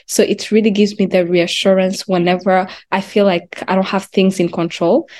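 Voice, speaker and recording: A young woman from Rwanda, a podcast guest sharing her faith story in a soft, reflective way. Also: mid-range voice, little pitch movement, moderate pace. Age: young adult. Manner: soft-spoken, reflective, uses "like" and "you know". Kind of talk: interview testimony.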